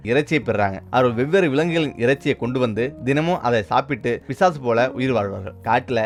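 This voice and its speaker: A man narrating a folk story and voicing all its characters in his own steady voice. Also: mid-range voice, fast talker. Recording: faint music underneath.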